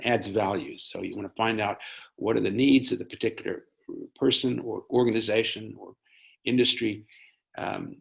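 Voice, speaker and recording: A man with a gravelly, fry-laden voice that sits fairly low, answering questions in an online webinar. He is from Zimbabwe and talks in a hesitant way, stopping and restarting his sentences. It sounds like a video call. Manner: hesitant, many restarts and fillers. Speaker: webinar presenter.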